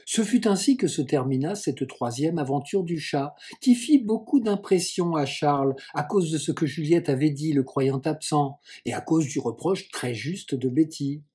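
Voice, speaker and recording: A man reading a classic children's novel aloud in a measured, expressive way. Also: a little high, husky. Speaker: audiobook reader.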